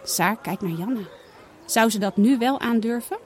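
A woman reading a children's story aloud, putting on lively voices for the characters' dialogue. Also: a little high, moderate pace, some chatter behind. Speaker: storybook reader.

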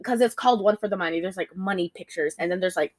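A woman co-hosting a podcast in casual chat. She reviews a movie in an animated, gossipy way and leans on fillers as she goes. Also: on the low side, quick pace. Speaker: podcast co-host.

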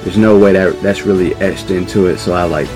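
A man from New York with a very low voice tells a story on a podcast. He talks casually and animatedly, acting out what others said and laughing along the way. Soft music plays faintly underneath. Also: steady tone, brisk. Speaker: podcast guest.

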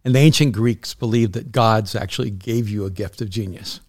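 The man speaks fairly quickly in a lowish, slightly mellow voice. A middle-aged pastor and author from El Salvador, he's a guest on a podcast, earnestly recounting stories with many restarts during a casual, reflective talk.

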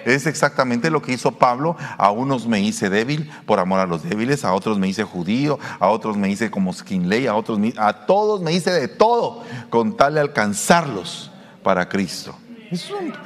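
A man's voice: medium pitch, in a large hall. A man with a Mexican Spanish accent preaching a sermon in a conversational way, often asking his listeners rhetorical questions. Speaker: pastor.

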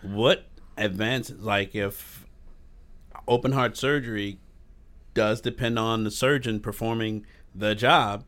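A man's voice: lowish voice, fairly even intonation, slow pace, a bit bright. A man giving casual, plain-spoken opinions as a podcast commentator.

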